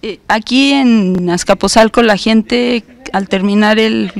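A Mexican interviewer with a gravelly, creaky voice at a middle pitch. The questions come in a chatty way, broken up by fillers and hesitations. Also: slow pace. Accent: Mexican Spanish.

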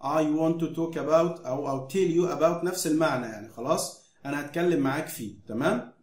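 A man teaching English words to children in Egyptian Arabic, repeating each word slowly so that pupils can say it back. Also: fairly high pitch, reverberant. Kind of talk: vocabulary drill lesson for children.

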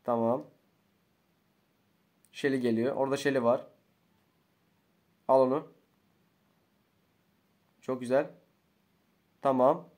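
A young man, commentating his own gameplay casually, slangy and excitable, swinging between low muttering and loud outbursts. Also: slow, long pauses. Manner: slangy, swears often. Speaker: gaming YouTuber.

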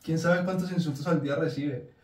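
A man's voice: on the high side, fairly even intonation, brisk, a little mellow, a little hiss or hum. A Colombian man hosting a reaction video, chatting casually and commenting on the clips he watches. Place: room in Italy. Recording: roomy sound from a distance.

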